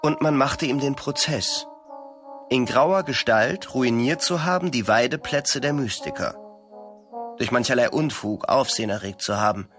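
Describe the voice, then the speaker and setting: A man reading a surreal literary text aloud as narrator, in a measured, solemn storytelling manner. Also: medium pitch, over music.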